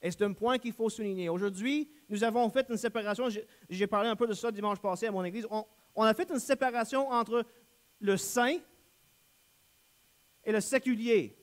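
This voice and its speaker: A young man preaches a sermon as a guest pastor, his voice sitting high for a man. He drives each point home with earnest, emphatic repetition and now and then stops to correct himself mid-phrase. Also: moderate pace. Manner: earnest, emphatic preaching with repeated refrains and a few self-corrections.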